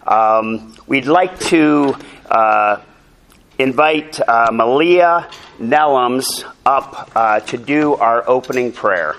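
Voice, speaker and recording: Deacon hosting a club gathering, unhurried and joking, with steady noise behind him. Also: male voice, mid-range voice. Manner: unhurried, joking, fumbling with the mic. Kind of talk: casual event welcome.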